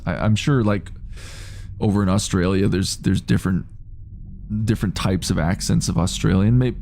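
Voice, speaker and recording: Canadian man, Ontario, casual streamer, deep warm gravelly voice, meandering chat. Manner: rambling, self-interrupting, reads chat aloud. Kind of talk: casual live-stream chat while gaming.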